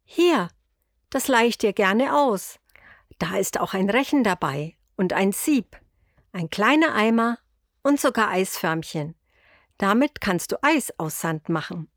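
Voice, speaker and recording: A woman voicing a kind, curious young boy in a storybook, with a bright, eager childlike voice. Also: medium pitch, animated, a little slow, no echo, clean studio sound. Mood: friendly. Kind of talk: storybook character voice.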